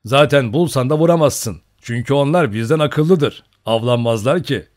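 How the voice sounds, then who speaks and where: A man voicing a young gentleman in an audiobook, joking and apologetic. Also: medium pitch, moderate pace, pitched above the performer's own voice, close to an everyday voice.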